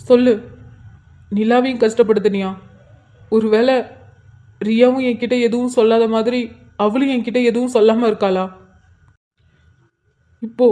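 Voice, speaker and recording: A woman's voice: on the high side, dark tone, lightly acted. A woman voicing a grieving, hurt young husband in an emotional cartoon drama. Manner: emotional, tearful. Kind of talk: cartoon voice acting.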